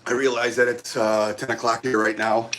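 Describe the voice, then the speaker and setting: A middle-aged man talks to his livestream viewers while he works out, out of breath and friendly. His voice sits at an ordinary middle pitch, and his sentences wander, stall and restart. Faint background noise hums under a camera set up in the gym. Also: little pitch movement, a bit bright. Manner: halting, friendly, rambling with many restarts. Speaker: livestream host. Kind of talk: casual chat while working out on a livestream. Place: gym during a workout. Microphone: camera set up nearby.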